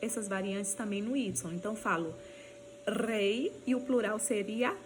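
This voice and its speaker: A woman with a Brazilian Portuguese accent teaching a language lesson. She talks patiently, checks in often with short tags and slows down to model pronunciation. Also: medium pitch, background noise. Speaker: Spanish teacher.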